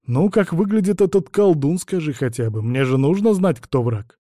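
A man's voice: a little high, lively intonation, moderate pace, dark tone, dry recording, clean studio sound, voice pushed up, close to an everyday voice. A man voicing a skeptical young warrior who questions with mild mockery. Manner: questioning, mildly mocking.

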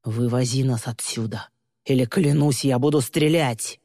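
A man plays a gruff, hot-tempered man used to giving orders, barking and bellowing, his pitch pushed up when he yells. The voice has a warm, dark timbre and a long reverb. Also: steady tone, unhurried, studio quality. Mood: yelling. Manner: barking and bossy, shouting often.

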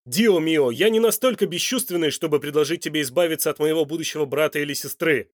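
A man reading an audiobook voices a hot-tempered, protective young man who speaks loud and sharp. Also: mid-range voice, quick pace, no room sound, studio quality, natural voice. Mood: angry.

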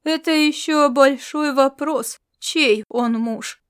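A woman's voice: high voice, animated, measured pace, pitched above the performer's own voice. A woman voicing a breezy, self-assured young woman who teases and scolds in a sing-song way. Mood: cool.

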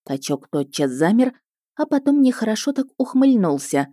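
A woman narrating a first-person fantasy audiobook in an expressive, wry manner. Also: on the high side, normal speed, no room sound, clean studio sound.

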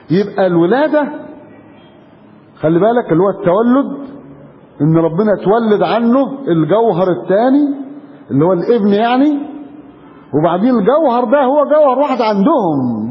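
Egyptian male preacher, quick and high-pitched, emphatic and questioning; dull recording with a long hall reverb. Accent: Egyptian Arabic. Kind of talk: religious lecture.

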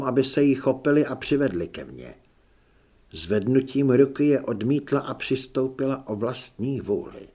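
A man narrating an audiobook in steady storytelling style, with dramatic pauses. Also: medium pitch. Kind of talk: scripted narration.

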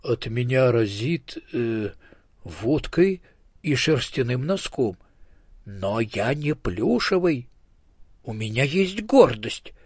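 A man voicing a small, proud, sickly talking elephant in an audiobook, slow, dignified and peevish. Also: medium pitch, sing-song, darkish tone, husky, no echo, clean studio sound, exaggerated voice. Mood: offended. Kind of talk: audiobook character voice.

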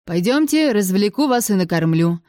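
A woman reading an audiobook, voicing a smooth-talking middle-aged male casino owner who is genial and flattering. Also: mid-range voice, normal speed, no room sound, clean studio sound, close to an everyday voice.

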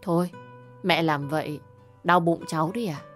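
A woman voicing a young husband who pleads softly and reasonably with his mother. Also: deep voice, moderate pace, soft background music, lightly acted. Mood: pleading.

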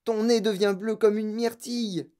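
A woman's voice: on the low side, lively intonation, normal speed, darkish tone, smooth, lightly acted. A woman voicing a panicky, doting mother shrieking in alarm, in a storybook reading. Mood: panicked.

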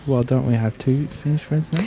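A man's voice: mid-range voice, a little fast, warm tone. A man hosting a podcast interview, chatting casually and rambling with lots of fillers. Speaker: podcast host.

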